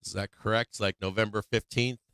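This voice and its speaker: A man hosts a live stock market show, talking loosely and unscripted through charts, often stalling and restarting mid-sentence as he searches for wording. His voice sits on the low side yet is bright and smooth, with fairly even intonation. The sound is dry and close, with no echo.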